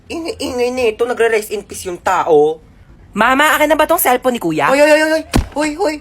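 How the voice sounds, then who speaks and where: A Filipina woman with a fairly high voice acts out quick comedy skits, switching playfully between characters. A faint background noise runs under her. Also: very animated, echoey room. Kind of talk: comedy skit acting.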